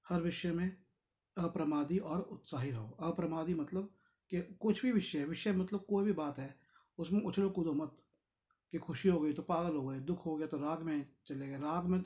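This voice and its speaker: A man's voice: a little high, moderate pace, dark tone, dull audio. A tired man, reading a Buddhist book and explaining it in a conversational way, speaking directly to his listeners. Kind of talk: casual spoken commentary on a read text.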